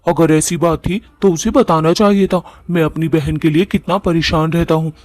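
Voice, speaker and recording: Someone doing an earnest, upset cartoon brother. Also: male voice, on the high side, fairly even intonation, normal speed, a little mellow, no echo, natural voice. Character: worried adult brother, earnest.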